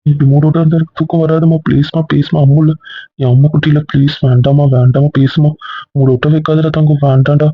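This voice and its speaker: A man's voice: fairly high pitch, little pitch movement, fast, slightly rough, no echo. A man playing a remorseful young husband who begs his wife for forgiveness, in an amateur audio drama on a dull lo-fi recording. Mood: pleading. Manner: pleading, repetitive begging.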